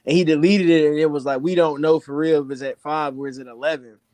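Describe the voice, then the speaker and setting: A man co-hosting a sports podcast, hoarse from screaming, telling stories in an animated, excitable way. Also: a little high, dry recording. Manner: animated storytelling, fast and excitable. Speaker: podcast co-host.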